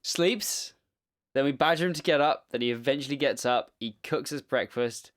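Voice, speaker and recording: A man's voice: mid-range voice, normal speed. A young man co-hosting a podcast, chatting casually and animatedly, swearing and laughing often. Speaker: podcast co-host. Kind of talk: casual chat.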